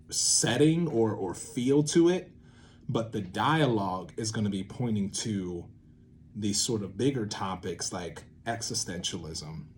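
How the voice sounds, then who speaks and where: With a fairly low-pitched voice and slight background noise, a man presents part of his creative method series as a theatre maker. The tutorial is informal and improvised, full of playful rambling, thinking out loud and asides to himself.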